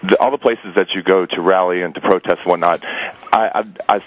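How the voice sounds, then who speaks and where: A man's voice: low voice, fairly even intonation, brisk, poor audio. A man calling into a radio show, eager and polite, asking a question with many fillers. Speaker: caller. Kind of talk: call-in question.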